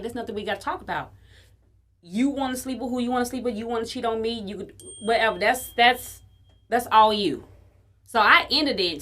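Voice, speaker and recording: A woman from Chicago, co-hosting a podcast, telling a story in casual chat, animated and profane and acting out the dialogue. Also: on the high side. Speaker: podcast co-host.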